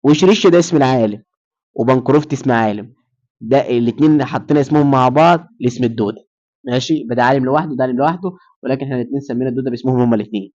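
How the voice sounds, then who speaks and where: A man's voice: medium pitch, racing, a little mellow, muffled recording. A man with an Egyptian Arabic accent giving a recorded lecture, who asks his students questions and then answers them himself.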